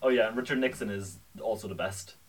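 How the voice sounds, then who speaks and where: A man's voice: fairly low pitch, fast talker, far from the mic, noisy background. A young man co-hosting a podcast, chatting in an offhand, jokey way. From Ireland. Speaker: podcast co-host. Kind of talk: casual chat.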